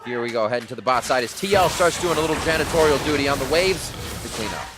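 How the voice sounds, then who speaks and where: A man giving steady play-by-play commentary on an esports match. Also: mid-range voice, fast, heavy background noise. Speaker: esports caster.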